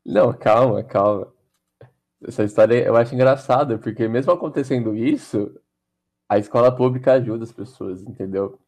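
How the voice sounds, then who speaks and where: A young man, chatting on a podcast in a relaxed, slangy way full of fillers. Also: medium pitch, normal speed. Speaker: podcast co-host. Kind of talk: casual storytelling chat.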